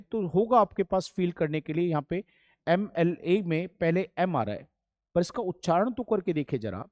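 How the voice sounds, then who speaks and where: A man's voice: sits high, dark tone, no echo, studio quality. A man teaching English grammar, patient and repetitive, addressing students as children. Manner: patient, repeats points, calls students "beta" and "bachhon". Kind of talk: classroom lesson.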